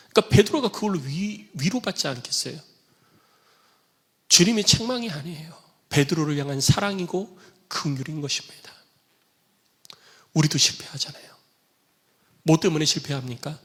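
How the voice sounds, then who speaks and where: A pastor preaches a sermon, his voice high and bright with a husky edge. He acts out the voices he quotes, jumping to loud cries and dropping to near whispers. The long reverb of a church hall trails behind him. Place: church sanctuary.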